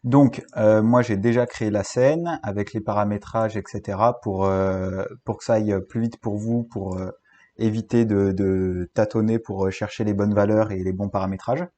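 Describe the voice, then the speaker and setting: Hesitant French man, low mellow voice. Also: steady tone, moderate pace. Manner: hesitant, many fillers and restarts. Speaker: software tutorial instructor. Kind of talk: screen-recorded software tutorial.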